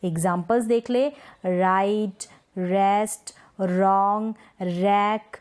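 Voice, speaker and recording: A woman's voice: mid-range voice, fairly even intonation, extremely slow, a little mellow, smooth. A woman teaching English pronunciation in Hindi, repeating each word and asking and answering her own questions. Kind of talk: slow explanatory lesson.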